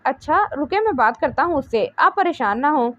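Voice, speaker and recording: A woman reading the lines of a young man comforting his sister in a soft, affectionate way. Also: high-pitched, expressive, moderate pace, dry recording, highs cut off. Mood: gentle. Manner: soothing, affectionate. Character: caring older brother, gentle and reassuring.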